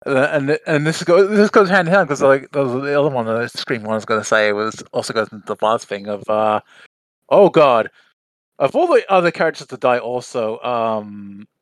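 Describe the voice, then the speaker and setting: A man excitedly retelling a movie moment on a podcast, piling up fillers. The sound is close and dry, with no room around it, and his pitch sits in the middle. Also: moderate pace, no room sound. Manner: excited, recounting scenes with quoted outbursts. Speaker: podcast guest. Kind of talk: casual podcast chat.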